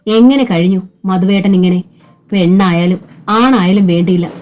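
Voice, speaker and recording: Female audiobook narrator, mellow dark tone, soft music bed, steady storytelling. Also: on the low side, dull audio. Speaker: novel narrator. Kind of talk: audiobook novel narration with character voices.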